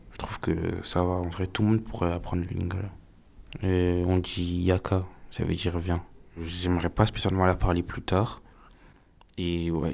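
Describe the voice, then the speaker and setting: A man of Congolese family speaking casually and plainly about the language spoken at home. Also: sits low. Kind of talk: personal testimony.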